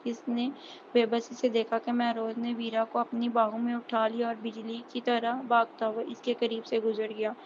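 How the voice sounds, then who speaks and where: A woman narrating a novel aloud in a steady monotone, with small restarts. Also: a little high. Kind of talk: storybook novel reading. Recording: dull lo-fi recording with faint hiss.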